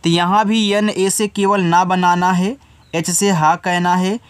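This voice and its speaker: A man's voice: high-pitched, flat delivery, unhurried, clear, resonant tone, no room sound. A man teaching a beginners' spelling lesson, patiently spelling each word out letter by letter before reading it.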